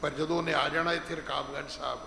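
A middle-aged man giving an emphatic sermon as head preacher, slowing down to stress scripture and acting out the people he quotes. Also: fairly high pitch, fairly even intonation, vocal fry, bright, forceful tone, slight background noise. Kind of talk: gurdwara sermon. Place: large gurdwara hall. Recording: echoey hall with long reverb, faint ambience.

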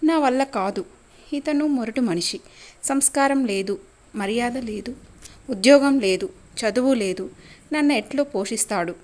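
A woman's voice: fairly high pitch, measured pace, pauses often, a little mellow, close to an everyday voice. A woman voicing a frightened young bride who pleads to be sent home. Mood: pleading.

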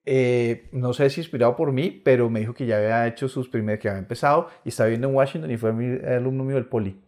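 A man's voice: mid-range voice, fast talker, a little mellow. A middle-aged man with a Colombian Spanish accent chatting casually as a comedian guest on a podcast, with frequent restarts. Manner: chatty, stammering restarts, laughs often.

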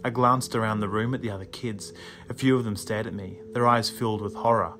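A man's voice: on the low side, fairly even intonation, background noise. Man reading a spooky story. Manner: measured, suspenseful reading. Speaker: audiobook reader. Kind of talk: first-person storybook narration. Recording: music playing underneath.

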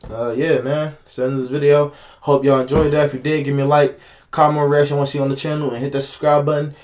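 A young man reacts to football footage. His voice sits a bit high, and his talk is loose, slangy and excitable. He speaks straight to his viewers like a regular channel host. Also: fast, slight background noise. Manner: excited, slangy, talks to viewers, laughs often. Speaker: sports reaction YouTuber. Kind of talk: casual reaction commentary.

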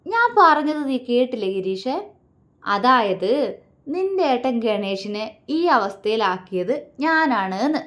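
A woman's voice: high voice, expressive. A woman voicing a menacing young man who mocks and taunts his enemy, in a storybook reading. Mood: taunting. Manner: sneering, taunting, slow and deliberate.

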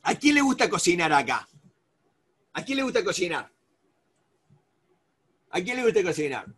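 Argentine male seminar instructor, high-pitched, animated and repetitive, addresses the group by name. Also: moderate pace, husky. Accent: Argentine Spanish. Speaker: negotiation instructor. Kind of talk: live seminar lecture to a group.

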